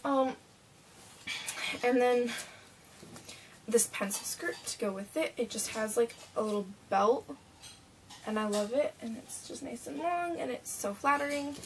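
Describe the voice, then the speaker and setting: A woman's voice: on the high side, a little slow, long pauses. Chatty young woman on a distant webcam. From Canada. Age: young adult. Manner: chatty and rambling, with many fillers. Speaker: vlogger. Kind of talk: casual haul video. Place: small cluttered bedroom. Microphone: webcam at desk distance. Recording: webcam mic from a distance, faint hiss.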